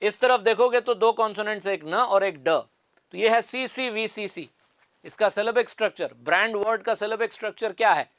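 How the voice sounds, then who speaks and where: This exam-prep teacher has a fairly high, somewhat bright voice and talks at a normal pace. He breaks each point down step by step, asks questions he answers on his own, and repeats the key answers. The audio is dry, without echo or room sound.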